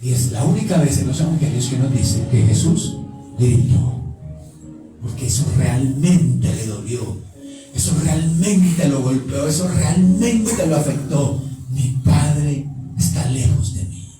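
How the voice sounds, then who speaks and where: A man's voice: medium pitch, animated, a little slow. A man preaching a sermon as pastor, emphatic and putting questions straight to his congregation. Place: church. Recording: echoey hall, distant mic, music behind.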